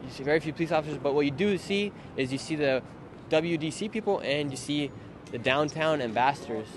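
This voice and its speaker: Guy doing street interviews live, talks fast, slightly high voice, loud traffic all around. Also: animated. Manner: quick, eager questioning. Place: city street outdoors.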